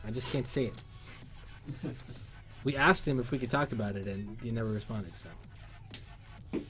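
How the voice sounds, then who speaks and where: Speaking a little slowly in a mid-range, somewhat bright voice, this Cuban livestream host in his thirties reads chat questions aloud through a headset. Soft music plays behind him in the indoor workshop studio, and he stays upbeat and sings along.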